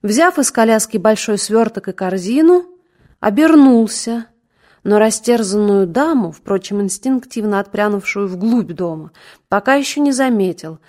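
A woman's voice: on the high side, lively intonation, moderate pace, darkish tone. A woman narrating a literary novel as an audiobook reader. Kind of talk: scripted narration.

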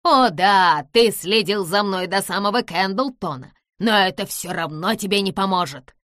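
A shouting, gloating little man bent on revenge, as a woman narrator puts him on. His voice rises loud and harsh, and it sounds dry and close. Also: mid-range voice, moderate pace, no room sound, natural voice. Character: spiteful vengeful little old man gloating.

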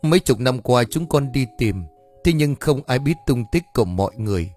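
A man's voice: medium pitch, expressive, normal speed, darkish tone, soft background music, lightly acted. A man voicing a shaken grown son in an audio story, asking choked, pleading questions. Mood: grieving.

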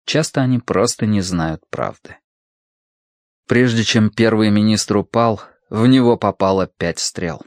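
A man narrates a scripted audiobook in a measured, even storytelling style. His voice is lowish, and the clean studio sound has no echo.

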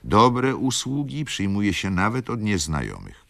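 A man's voice: lowish voice, sing-song, measured pace, gravelly, fairly bright tone, dry recording, studio quality, pitched above the performer's own voice, heavily acted. A man voicing a courteous, eager middle-aged house manager in an audiobook reading. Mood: courtly.

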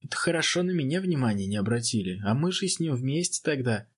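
A man's voice: mid-range voice, big pitch swings, quick pace, breathy edge. A man voicing a cheerful young male naval officer who teases his friends in a jaunty way, in an audiobook. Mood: teasing.

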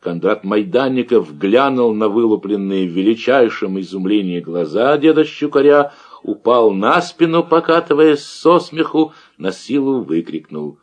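A man's voice: fairly low pitch, unhurried. A man narrating a literary story expressively and theatrically. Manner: animated, theatrical. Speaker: audiobook narrator.

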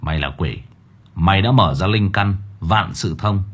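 A man's voice: low-pitched, normal speed, fairly bright tone, breathy edge. A man voicing a stern young exorcist who interrogates a spirit in curt, threatening commands, in an audiobook.

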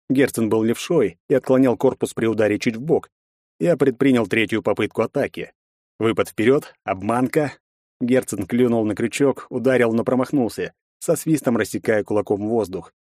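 A man narrating a first-person fantasy audiobook in a measured storytelling manner. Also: fairly low pitch, a little mellow, no echo, clean studio sound.

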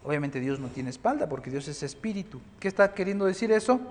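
A man preaching a sermon as pastor, dropping soft and then rising loud. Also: a little high, expressive, fast, big-room sound.

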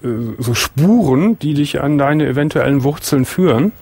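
A man hosting a late-night call-in radio show, asking calm, probing questions with hesitant restarts. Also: a little high, moderate pace, breathy edge, dry recording. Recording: radio broadcast.

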